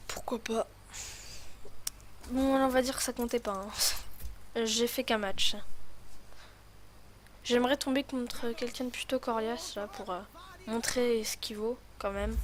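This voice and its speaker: A woman's voice: on the high side, slight background noise. A woman with a lisp on her s sounds, rambling and thinking aloud in casual commentary as she hosts a gaming video.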